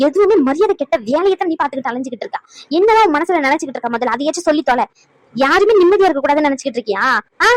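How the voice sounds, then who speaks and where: A woman voicing a fast, scolding grown daughter. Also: sits high, dry recording, lightly acted, poor audio. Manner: scolding, rapid rhetorical questions. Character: exasperated grown daughter scolding her mother. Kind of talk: cartoon voice acting.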